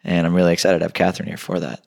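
A man's voice: low-pitched, completely flat delivery, rapid-fire, gravelly, a little mellow. A man hosting a podcast, upbeat and enthusiastic, talking with a guest in an apartment. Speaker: podcast host. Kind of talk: casual podcast interview.

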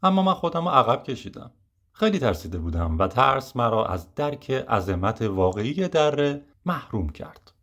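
A man reading a first-person memoir audiobook, steady and reflective. His voice sits at an ordinary middle pitch, with a calm, measured delivery. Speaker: audiobook narrator.

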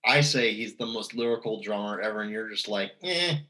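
A man's voice: on the low side, level tone, fairly quick, pushed and bright, low-quality recording. A man in casual conversation, talking at length with many fillers and restarts. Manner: rambling, chatty, lots of fillers and restarts. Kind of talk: casual music chat.

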